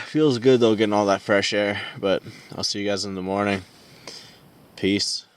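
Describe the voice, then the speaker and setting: A man chatting casually to his viewers in a laid-back, unhurried outdoor vlog. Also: fairly low pitch, fairly even intonation, clear, resonant tone. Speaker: outdoor camping vlogger. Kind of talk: casual solo vlog chat. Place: outdoors at a campground at night. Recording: outdoor wind and ambient noise.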